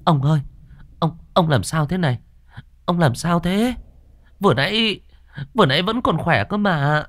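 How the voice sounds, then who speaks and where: A man's voice: on the high side, lively intonation, unhurried, no echo, pitched above the performer's own voice. A man voicing an elderly village wife who fusses worriedly over her husband in a ghost story. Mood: alarmed. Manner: worried, fussing.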